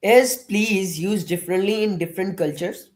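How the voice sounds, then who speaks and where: A hesitant interviewer who puts a series of questions to an AI assistant. They pause often and lean on "uh" fillers. The voice sits at an ordinary middle pitch. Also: a little mellow.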